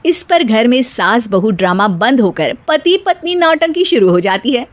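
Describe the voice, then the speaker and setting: A woman's voice: on the high side, big pitch swings, moderate pace, no echo. A woman narrating a scripted cartoon storybook tale as its storyteller.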